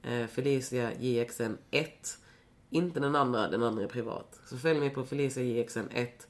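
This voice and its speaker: A young woman in casual chat as a podcast guest, rambling with many fillers and swearing freely. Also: extremely low pitch.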